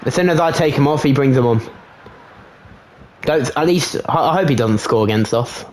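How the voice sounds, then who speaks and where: A young man casually commentating his own football video game match, chatty and self-mocking, getting excited at goals. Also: mid-range voice, moderate pace, slight background noise. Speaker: gaming channel host.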